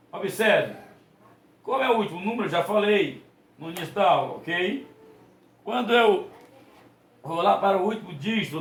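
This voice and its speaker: Guy teaching math, kinda high voice, keeps repeating stuff and fixing himself, echoey room. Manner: patient, repeats points and asks rhetorical questions; self-correcting, restarts mid-sentence. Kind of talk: explaining a lesson to students.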